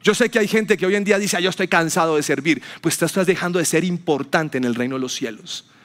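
Speaking quickly in a fairly high, fairly bright voice, a man delivers a sermon to church congregants as their pastor. He tells stories and plays out the quoted people, his voice rising as he does.

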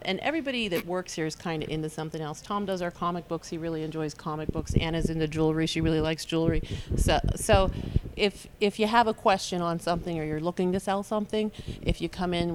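A woman with a low, quick-paced voice explains bidding at her auction house. She is chatty and practical and laughs easily. Faint noise sits behind her. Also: fairly even intonation. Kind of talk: casual interview answers.

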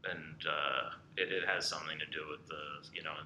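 A man answering interview questions in a rambling, halting way with many fillers. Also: extremely low pitch, steady tone, pushed and bright, slight background noise. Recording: echoey space with faint ambience.

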